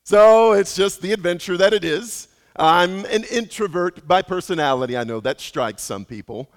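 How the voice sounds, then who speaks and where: A male pastor preaching a sermon in a high voice, telling his story earnestly with frequent restarts and repeated words. His voice carries a long reverb through a large church sanctuary. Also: animated, normal speed.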